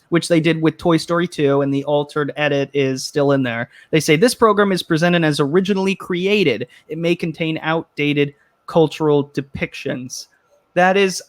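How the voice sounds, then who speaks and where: A man hosting a casual online panel chat, rambling a bit and reading viewer comments aloud. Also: a little high. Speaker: host.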